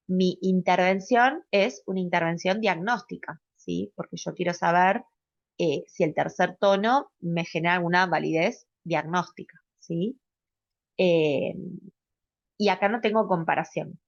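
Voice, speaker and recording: A woman's voice: on the low side, gravelly, no echo, lo-fi sound. A woman giving a recorded medical class lecture, explaining step by step and often checking in with a rising "¿sí?". She uses fillers and corrects herself mid-word. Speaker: pediatric residency lecturer.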